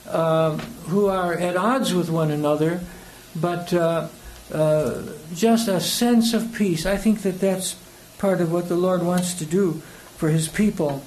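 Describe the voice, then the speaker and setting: An older preacher from the United States speaks a little slowly yet with hardly any pauses, his high-pitched voice slightly mellow. His sermon is conversational, hesitant and rambling, full of personal anecdotes and chuckles, and the rough recording carries clear background noise.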